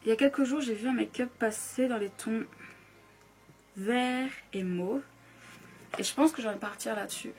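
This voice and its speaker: A young woman chatting casually through a makeup tutorial at home, keeping her voice soft so she won't disturb anyone. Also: a little high, moderate pace, long pauses, faint music behind. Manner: chatty, talks softly so as not to disturb. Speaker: beauty YouTuber. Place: home room at a makeup table.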